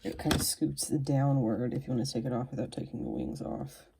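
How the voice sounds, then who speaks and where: Low, mellow-voiced woman reviewing a toy. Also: very animated, fairly quick, vocal fry, a little hiss or hum. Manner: chatty, self-deprecating, drifts into whispers while fiddling. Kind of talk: casual unboxing chat.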